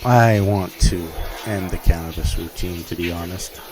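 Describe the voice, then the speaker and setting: A man's voice: sits low, moderate pace, over music. A man giving a candid personal reflection as a vlogger, in terse, clipped phrases. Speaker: vlogger doing a cold shower challenge.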